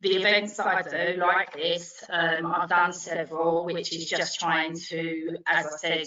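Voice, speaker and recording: Woman driving instructor, bright tense voice, hesitant with lots of ums; lo-fi distant echoey audio. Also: sits low. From Wales. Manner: hesitant, many ums and restarts. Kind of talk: interview answers on a video call.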